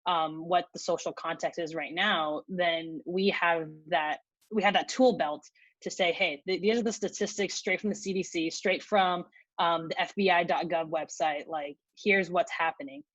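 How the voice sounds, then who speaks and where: A woman's voice: fairly low pitch, steady tone, moderate pace, a bit bright, no echo. A woman speaking thoughtfully in a video-call discussion, searching for her words. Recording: dry, slightly dull video-call audio.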